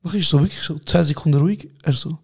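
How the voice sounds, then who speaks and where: A quick-talking young Swiss German man with a somewhat high voice tells a heated story in a casual podcast. He plays out both sides of a quarrel with lots of energy. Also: darkish tone, breathy edge. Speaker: podcast co-host. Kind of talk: casual chat.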